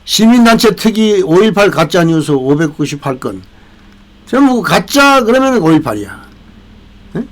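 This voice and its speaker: A man's voice: sits high, sing-song, moderate pace, rough recording. An older man hosting a veterans' channel, giving a rambling political commentary with many restarts and tag questions. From South Korea.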